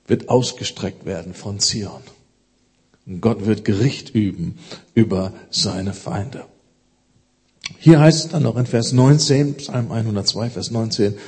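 A man preaching a sermon, emphatic, pushing his voice up to stress key words and dropping low and quiet for solemn lines. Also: husky.

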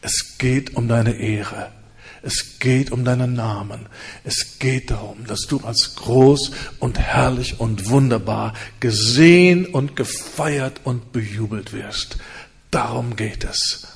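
A man preaching and leading prayer with fervor, in repeated rising phrases and hushed stretches. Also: medium pitch, slow, vocal fry, husky. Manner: fervent, repetitive prayer cadence with hushed stretches. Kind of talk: sermon and prayer.

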